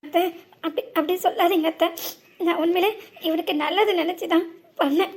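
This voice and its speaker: A woman's voice: very high voice, steady tone, a little fast. A woman voicing an anxious mother in a cartoon, speaking in a pleading, tearful way. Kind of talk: cartoon voice acting.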